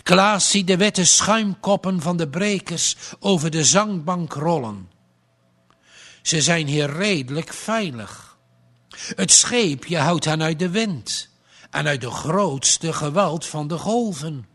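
A man narrating a storybook aloud with a slow, dramatic read-aloud delivery. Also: a little high, expressive, fairly bright tone.

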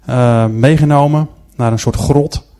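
A man speaks to a gathered audience in a church-style presentation, talking through pictures on a screen. He tells his stories earnestly, at a middle pitch, and often pauses on hesitant filler sounds. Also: steady tone, dark tone. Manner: earnest storytelling.

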